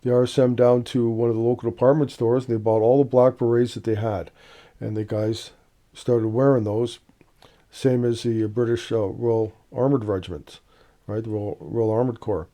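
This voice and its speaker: Hesitant man with a very dark voice. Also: mid-range voice, moderate pace. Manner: relaxed, hesitant, many "uh" fillers. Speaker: badge collector presenting a video series. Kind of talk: casual show-and-tell explanation.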